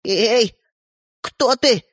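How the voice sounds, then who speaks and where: A timid, curious young boy, as a man puts him on, speaking hesitantly in a high voice. The sound is dry and close. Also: very slow, a bit bright, dry recording, exaggerated voice.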